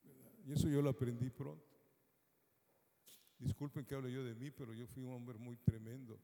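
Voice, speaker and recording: A man giving a sermon testimony, telling his story in an animated way and acting out the voices of others. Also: mid-range voice, normal speed. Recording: long hall reverb.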